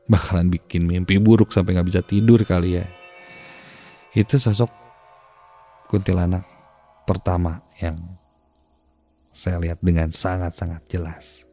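A man, hosting a podcast and telling a ghost story in a hushed, suspenseful way. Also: deep voice, vocal fry, slightly rough. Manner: hushed, suspenseful, dropping to near-whispers. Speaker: podcast host. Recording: faint music behind the voice.

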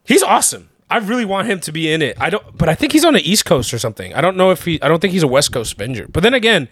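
A young man co-hosting a podcast in casual chat, excited and slangy, laughing often. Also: on the high side, racing, slightly rough, no echo, clean studio sound. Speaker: podcast co-host.

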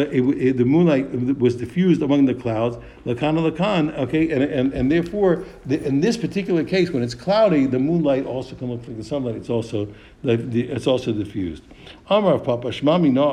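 This is a man teaching a Talmud text in a warm, mellow voice at an ordinary middle pitch. He reads Aramaic phrases and explains each one in English. He poses questions and answers them himself, often stumbling and restarting his sentences. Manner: frequent restarts, repeated words and hesitations.

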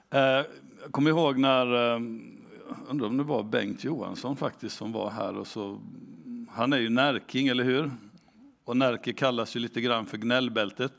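A man preaching a sermon, asking the congregation direct questions and reading scripture aloud slowly and deliberately. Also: mid-range voice, creaky, fairly bright tone. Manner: engaging, asks the congregation questions. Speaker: pastor.

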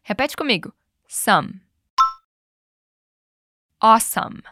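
A woman teaching English and running repeat-after-me drills, speaking clearly and patiently and slowing down on model phrases. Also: fairly high pitch, expressive, bright, forceful tone, no room sound, studio quality. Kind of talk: bilingual language lesson with repeat drills.

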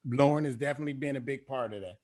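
A man's voice: medium pitch, very fast, a little mellow. A man hosting a call-in show over video, laid-back and chuckling. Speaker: host. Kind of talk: casual chat on a video call.

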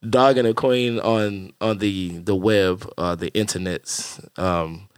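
A man's voice: on the low side, steady tone, slow, clear, resonant tone, no room sound, clean studio sound. A man co-hosting a casual podcast chat, sounding slightly nasal from a cold, laid-back and profane, laughing often. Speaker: podcast co-host.

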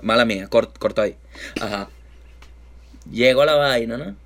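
A man's voice: mid-range voice, normal speed. A man with a Venezuelan accent tells an anecdote in casual chat. His talk is packed with street slang and restarts. He slips into the voices of the people in his story. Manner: lively anecdotes full of slang, acts out quoted voices.

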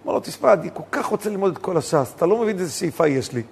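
A man, a rabbi, giving a Torah lesson in an animated way, telling stories and acting out the dialogue. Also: sits high, gravelly, breathy edge.

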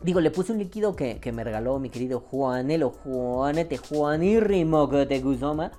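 A woman's voice: deep voice, animated, normal speed, mellow, soft background music. A woman with a Mexican accent, a vaping vlogger in a casual, profane rant who swears freely and acts out the voices she quotes.

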